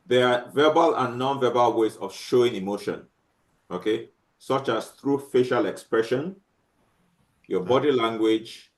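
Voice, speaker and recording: Halting male teacher giving a lecture. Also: mid-range voice. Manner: halting, many restarts and fillers, checks understanding often. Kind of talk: classroom lecture.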